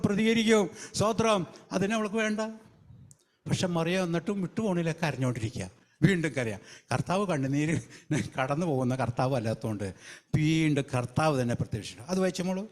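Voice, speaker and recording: A man's voice: high voice, fairly quick. A male evangelist preaching a fervent sermon, breaking in often with hallelujah and praise the Lord.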